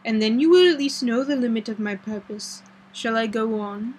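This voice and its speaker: A woman's voice: fairly high pitch, moderate pace, a little mellow, natural voice. A woman reading the part of a grave, earnest old foreign doctor in an audiobook, with solemn, formal, slightly broken phrasing.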